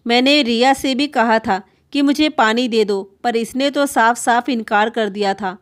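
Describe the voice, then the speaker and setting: A woman's voice: fairly high pitch, a little slow, natural voice. A woman playing a wronged, pleading grandmother. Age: older. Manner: plaintive, complaining, pleading. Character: aggrieved elderly grandmother, meek and tearful.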